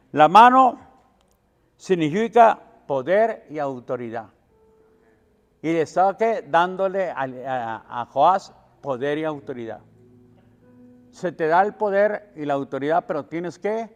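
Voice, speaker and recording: A man pastor preaching a sermon, asking his congregation questions and answering them himself, swelling louder on key words. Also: sits high, in a large hall. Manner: preaching with call-and-response questions and swells in volume.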